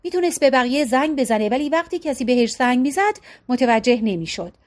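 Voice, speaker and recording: Audiobook narrator: female, high register, calm measured reading. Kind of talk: scripted narration.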